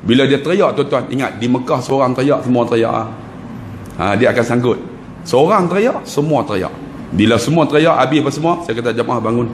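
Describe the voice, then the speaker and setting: Malaysian-accented ustaz telling a story in a roomy space. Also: male voice, medium pitch, a little fast, slight background noise. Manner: lively anecdotal, acts out dialogue, laughs between lines. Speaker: ustaz, religious speaker. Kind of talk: humorous religious lecture storytelling.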